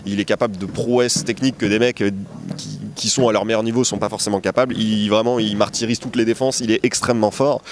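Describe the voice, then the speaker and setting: A man's voice: on the low side, fairly even intonation, fast talker, noisy background. A man in his early twenties, from Portugal, talking casually and hesitantly as an interview guest on an outdoor basketball court. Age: 20s. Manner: hesitant, many filler sounds and restarts. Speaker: interview guest, manga artist.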